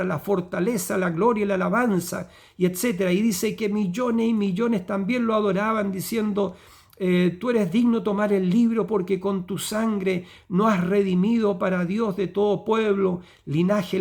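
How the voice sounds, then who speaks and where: High-voiced man preaching a sermon. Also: gravelly, darkish tone. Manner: teaching tone with frequent "¿ya?" and "¿cierto?" checks; fillers and repeated phrases while building a point.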